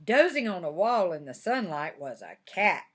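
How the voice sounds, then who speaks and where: A woman's voice: lowish voice, normal speed. An older woman with a grandmotherly manner, reading a picture book aloud to children and adding chatty, admiring asides. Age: 60s or older. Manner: grandmotherly, expressive, repeats admiring words. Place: office.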